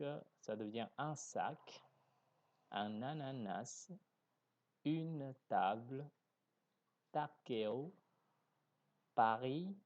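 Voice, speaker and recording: A man teaching a beginner French lesson, articulating each word slowly and carefully and often correcting himself mid-sentence. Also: mid-range voice, darkish tone, highs cut off. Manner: slow, deliberate, carefully articulating words.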